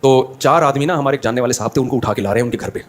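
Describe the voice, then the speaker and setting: A man's voice: mid-range voice, very fast. A man giving a religious talk, telling humorous anecdotes and acting out the people in them. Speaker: Islamic scholar giving a talk.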